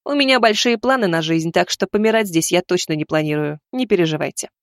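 A woman's voice: on the low side, fast, no echo, studio quality, voice pushed down, natural voice. A woman narrator voicing a cocky, teasing young male vampire in an audiobook. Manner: mocking, self-assured.

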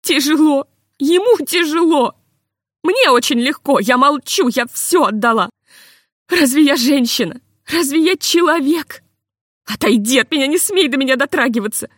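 Woman doing a shrill, proud, tearful wife. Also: big pitch swings, normal speed, dry recording, clean studio sound. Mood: sobbing, furious. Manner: proud, shrill, sobbing outbursts.

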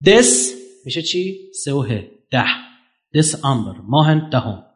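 A man giving a lecture to an audience, emphatic, firing off rhetorical questions and swinging his pitch up and down. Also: very animated.

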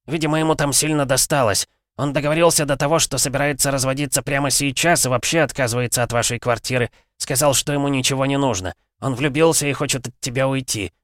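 A man's voice: medium pitch, steady tone, quick pace, few pauses, a bit bright, no room sound, clean studio sound, voice pushed up, lightly acted. A man voicing an irritated older father-in-law in an audiobook, scolding and blunt. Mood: exasperated. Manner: scolding, exasperated. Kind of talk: audiobook narration.

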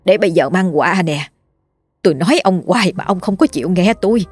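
A woman voicing a sharp-tongued older wife who scolds and exclaims, in a spoken horror story. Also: on the low side, animated, a little fast, breathy edge, soft background music. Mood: scolding.

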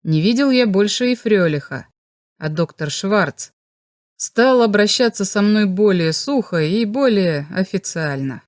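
A woman reads a novel aloud in an even, measured narrating voice. Her pitch sits in an ordinary middle range, and the sound is dry and close with no room around it. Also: dry recording. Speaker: audiobook narrator. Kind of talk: scripted audiobook narration.

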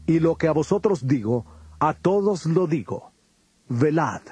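A man playing Jesus in a dramatized scripture recording, a solemn and authoritative teacher with measured delivery. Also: fairly high pitch, animated, darkish tone, husky, no room sound, heavily acted. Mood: solemn warning. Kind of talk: dramatized scripture audio acting.

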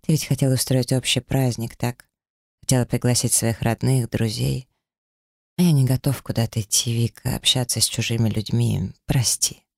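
A man's voice: mid-range voice, steady tone, moderate pace, creaky, no echo, clean studio sound. A man voicing a withdrawn, guarded man in an audiobook, speaking in a subdued, heavy way. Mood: weary. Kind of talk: audiobook character reading.

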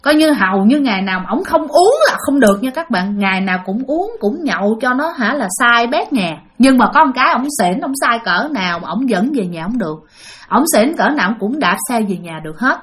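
A chatty woman tells ghost stories in a casual way. Her voice sits slightly high. She keeps turning to her listeners and fills the gaps with little fillers. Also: animated, a little fast, fairly bright tone, breathy edge. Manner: chatty, addresses listeners often, many fillers. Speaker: storyteller of spirit tales. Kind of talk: casual spoken storytelling to listeners.

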